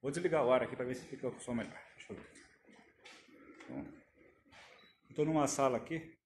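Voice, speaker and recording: Speaking at medium pitch and a quick pace, a man runs a casual phone live stream, saying hello to viewers and testing his audio. Recorded on the phone camera in an air-conditioned room, it sounds roomy, with faint room noise and air conditioner hum.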